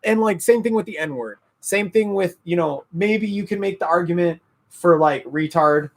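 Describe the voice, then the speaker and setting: Animated, cussing male podcast co-host. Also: high voice, normal speed, gravelly. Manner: animated, profane, laughs often. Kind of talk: casual chat.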